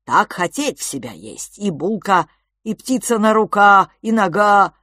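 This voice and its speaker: A woman's voice: medium pitch, expressive, a little slow, a bit bright, no room sound, studio quality, pitched above the performer's own voice. A woman voicing a jolly, greedy male cave creature who lists food with glee in broken grammar. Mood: gleeful. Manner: broken grammar, gleeful, exclamatory.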